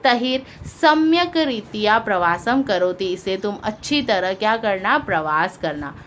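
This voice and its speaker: A woman's voice: mid-range voice, lively intonation, measured pace, fairly bright tone, a little hiss or hum. A woman teaching a school lesson, reading lines aloud, translating each one, and asking her pupils questions as she goes. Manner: patient, asks pupils questions, translates line by line. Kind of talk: explaining a Sanskrit lesson in Hindi.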